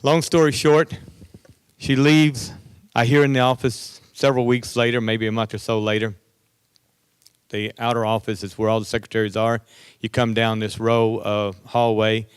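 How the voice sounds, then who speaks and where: A man's voice: medium pitch, clean tone, no echo. A man speaking at a political conference, telling stories from his work and acting out other people's words as he quotes them. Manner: storytelling, acts out other voices in quotes. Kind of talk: political speech with anecdotes. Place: conference hall.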